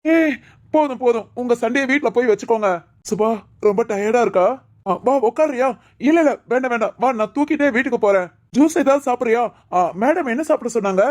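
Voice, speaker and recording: A woman's voice: on the high side, lively intonation, fast talker, darkish tone, close to an everyday voice. A woman playing an anxious, doting young husband who fusses and teases in a village family drama. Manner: fussy, coaxing and teasing.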